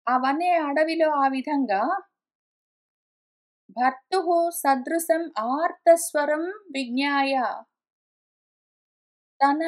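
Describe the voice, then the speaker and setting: A high-pitched woman leads a scripture lesson. She chants each verse slowly, line by line, then unpacks it in relaxed, conversational storytelling. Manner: slow chanting of verses, then plain explanation. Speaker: scripture teacher. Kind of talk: explaining Sanskrit verses in Telugu. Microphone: conference call line.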